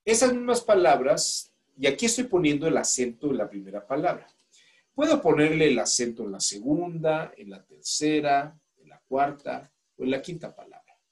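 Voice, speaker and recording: Sing-song and a little high, this man's voice moves at a moderate pace as he teaches a law class with a Mexican accent. During the classroom lecture he quizzes students and nudges volunteers to read aloud.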